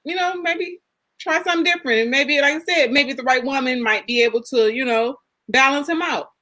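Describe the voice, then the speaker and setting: A woman co-hosting a casual chat show, animated and emphatic in her arguments. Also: sits high, fairly quick. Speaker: co-host.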